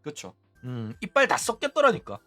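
Brief: chatty male commentator, high voice, very animated, laughs a lot. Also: normal speed, faint music behind. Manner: chatty, laughs often, retells quotes animatedly. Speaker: VTuber news channel host. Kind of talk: casual storytelling commentary.

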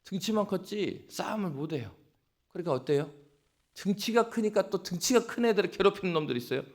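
A male pastor preaching a dawn sermon with animated storytelling and exhortation. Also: sits high, fairly quick.

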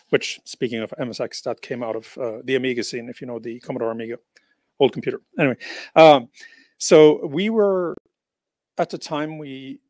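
A middle-aged Norwegian man, a panel guest in a meeting room, talks casually and ramblingly into a handheld mic, full of fillers. His voice is medium-pitched and a little mellow, and the recording is dry.

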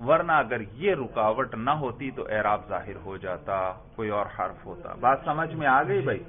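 A man's voice: medium pitch, animated. A man from Pakistan teaching a classroom grammar lesson, quizzing students, repeating their answers and drawing out word forms in a sing-song way. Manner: drawn-out chanting of word forms. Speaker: religious school teacher. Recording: tinny phone-like lo-fi recording.

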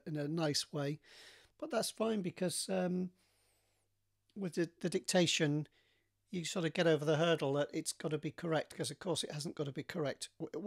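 A man, an author chatting casually about his writing with many pauses and restarts. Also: fairly high pitch. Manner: rambling, many fillers and restarts. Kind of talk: casual chat to camera.

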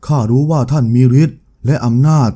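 A man's voice: mid-range voice, steady tone, brisk, warm tone, lightly acted. A man voicing a firm, proud old grandmother who stands up to a demon. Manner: firm, pleading yet unbowed.

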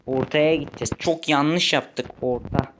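A young man giving casual gameplay commentary, chatty, muttering when frustrated and shouting when excited. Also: fairly high pitch, normal speed, background noise. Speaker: gaming YouTuber.

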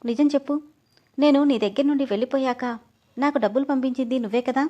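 A woman's voice: a little high, fast, darkish tone, dull audio, close to an everyday voice. A woman voicing an emotional young pregnant wife in a read-aloud story. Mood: tearful. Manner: pleading, tearful.

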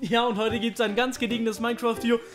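A man giving casual let's-play commentary as a YouTube gamer, halting and restarting his words, excitable and yelling as he plays. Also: extremely high pitch. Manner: halting, stumbling over words, restarting often; excitable, shouting and laughing while playing. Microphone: headset.

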